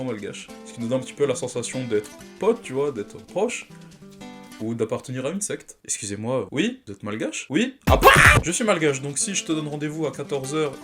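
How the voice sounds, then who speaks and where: A young man with Malagasy roots doing a punchy, self-mocking comedy monologue. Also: medium pitch. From Madagascar heritage. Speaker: comedy YouTuber. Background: background music.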